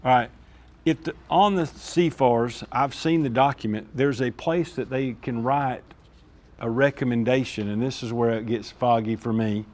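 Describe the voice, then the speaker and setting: A school district administrator walks a meeting through discipline procedures. He talks informally, keeps checking that people follow him, and speaks at a middling pitch. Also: moderate pace, a little mellow. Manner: informal, repeats "all right?" to check understanding. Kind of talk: explaining procedures at a staff meeting.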